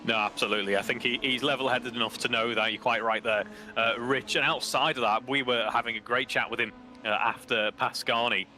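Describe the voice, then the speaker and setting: Bright-voiced male motorsport commentator. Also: mid-range voice, steady tone, brisk. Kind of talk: live race commentary.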